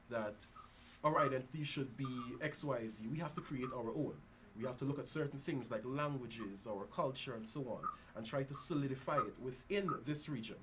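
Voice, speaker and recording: A young man with a Guyanese accent speaks on a discussion panel in a formal, deliberate way. His pitch is mid-range for a man. Clear noise sits behind his voice. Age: young adult.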